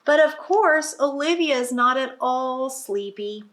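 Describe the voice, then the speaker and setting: In a high-pitched, somewhat bright voice, a woman reads expressively at a measured pace from a picture book for young children. She adopts a teacher's style, with asides that explain and questions that prompt.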